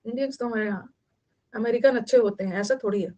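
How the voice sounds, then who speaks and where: A woman's voice: fairly high pitch, fast talker, darkish tone. Indian woman teacher, repetitive explaining. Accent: Indian English. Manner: explains in mixed Hindi and English, repeating words and meanings. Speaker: English teacher. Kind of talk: online class lecture.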